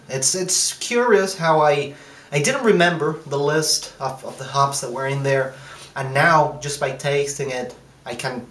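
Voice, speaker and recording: A man giving a casual, thoughtful taste review of his own beer, pausing often with fillers and restarts. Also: medium pitch, fairly bright tone, echoey room. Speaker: home brewer.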